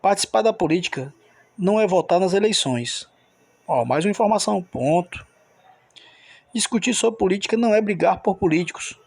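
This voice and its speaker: A man's voice: high voice, lively intonation, brisk, creaky, darkish tone, breathy edge, no echo. A man teaching a recorded grammar lesson, explaining step by step and checking in with the listener.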